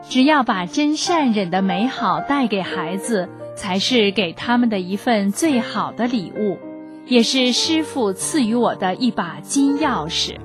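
A woman reading a scripted radio narration in a measured, even way. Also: fairly high pitch, over music.

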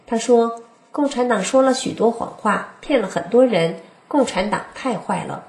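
A young woman reading her first-person testimony aloud in a steady, earnest manner. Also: a little high, moderate pace, vocal fry. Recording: roomy echoey room.

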